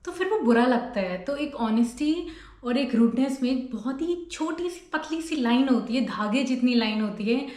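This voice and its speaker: A woman's voice: high-pitched, animated, normal speed, a little mellow, roomy sound. A woman hosting a self-help video, talking casually and mixing English into her Hindi, acting out short dialogues as examples. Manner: mixes English words into Hindi, acts out little dialogues. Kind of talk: casual advice talk.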